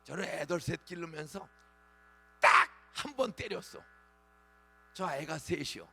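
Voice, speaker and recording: A man in his sixties, a pastor preaching a dawn revival sermon in a church, with lively call-and-response prompts to the congregation. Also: a little high, unhurried, gravelly, breathy edge, soft background music. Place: church sanctuary.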